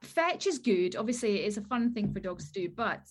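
Woman guest, mid-pitched, practical and explanatory. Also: very animated, a little fast. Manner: practical, explanatory, many fillers like "like" and "um". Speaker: dog trainer guest. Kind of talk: casual chat, giving advice.

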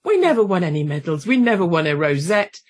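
A woman's voice: on the low side, very animated, quick pace. A British woman hosting a podcast interview, chatting casually with frequent restarts and laughs. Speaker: podcast host.

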